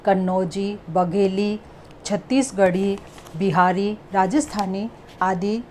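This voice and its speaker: A woman lecturing at an unhurried, deliberate pace, with a voice that sits at an ordinary middle pitch. She reads through lists of names one item at a time. A faint hiss runs underneath the recording. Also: darkish tone, rough recording. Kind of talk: slow, measured academic lecture.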